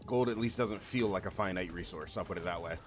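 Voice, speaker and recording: A man's voice: low voice, fast talker, soft background music. A young man streaming a game, chatting casually with friends and laughing often. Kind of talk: casual gameplay chat.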